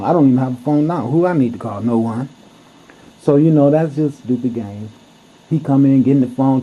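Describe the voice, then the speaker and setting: A man telling a story to camera in a blunt, heated way, cursing freely as he goes. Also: medium pitch. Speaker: vlogger. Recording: dull lo-fi recording.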